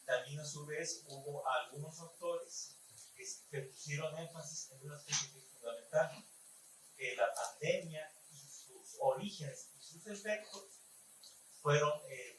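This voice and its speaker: A man with a Mexican accent giving a formal, measured comment from the audience at a conference. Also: a little high, fairly bright tone. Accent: Mexican Spanish. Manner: formal, measured academic reasoning. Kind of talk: conference question-and-answer comment. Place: conference hall. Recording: very echoey hall, voice far from the mic, faint room noise.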